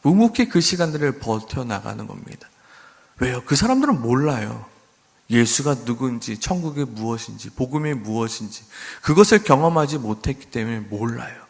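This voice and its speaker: A man's voice: mid-range voice, lively intonation, moderate pace, gravelly, big-room sound. A man preaching a sermon as pastor, earnest, sometimes acting out mocking voices.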